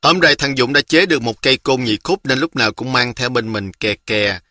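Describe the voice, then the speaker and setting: A man reading a children's novel aloud in a lively storytelling manner. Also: medium pitch, a little fast, no room sound, studio quality.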